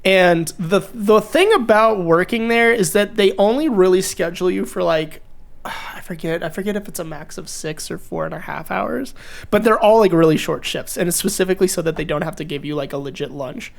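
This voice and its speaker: A young man co-hosting a podcast, telling a story in casual chat, excitable and profane, laughing through it. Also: high-pitched, fairly quick, creaky. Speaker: podcast co-host.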